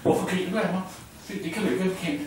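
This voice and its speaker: A man's voice: sits high, voice pushed up, lightly acted. A man voicing an eager little frog child with a chirpy, repetitive way of talking in a live story. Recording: echoey room, distant mic, noisy.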